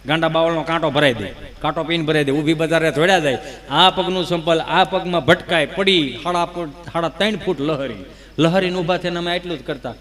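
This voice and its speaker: A man's voice: on the high side, a little fast, a bit bright. A man performing a folksy stage comedy monologue and teasing the audience. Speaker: folk comedian.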